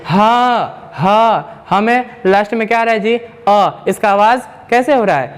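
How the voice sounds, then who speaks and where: In a classroom English lesson on spelling rules, a man with a high, expressive voice repeats himself, draws out sounds slowly, and poses rhetorical questions to the class.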